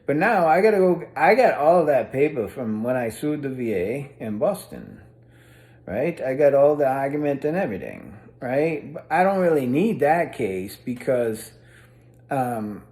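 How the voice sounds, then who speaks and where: A combative man rants to his audience in a rambling, profane monologue, dropping "right?" after almost every point. His pitch leaps and swoops as he gets worked up, then sinks low again. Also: big pitch swings, measured pace, darkish tone. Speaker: vlogger. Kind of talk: ranting monologue to camera.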